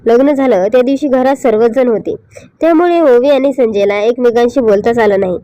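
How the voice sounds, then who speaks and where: A woman narrating a scripted story with a steady, even reading. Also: a little high, brisk, dry recording.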